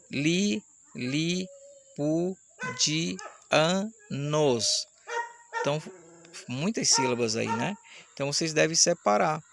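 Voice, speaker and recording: A man teaching an online Portuguese grammar lesson, explaining step by step and slowing down to sound out syllables. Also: medium pitch, creaky, fairly bright tone, slight background noise. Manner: explanatory, slows down to spell out syllables. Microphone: camera mic, camera switched off.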